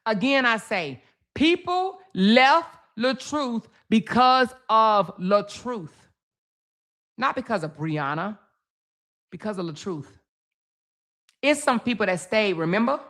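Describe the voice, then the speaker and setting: A woman running her own commentary channel talks bluntly and with profanity in casual social media commentary, driving her points home through repetition. Her voice is on the high side and fairly bright, animated yet slow, with long pauses.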